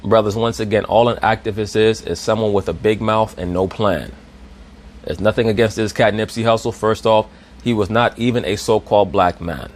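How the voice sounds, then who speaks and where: Addressing his audience as brothers, an online commentator asks rhetorical questions in a preachy monologue. His pitch is fairly low and his pace moderate.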